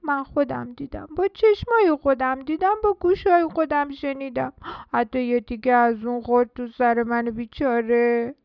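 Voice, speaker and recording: A woman voicing a frightened little chick in a children's storybook reading, high and anxious. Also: no echo, muffled recording. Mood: frightened, insistent.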